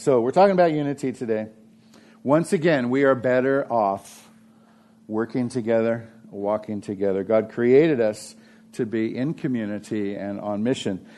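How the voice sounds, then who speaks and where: A man's voice: medium pitch, darkish tone. A man preaching a sermon as pastor, telling stories in a chatty, joking way with lots of fillers.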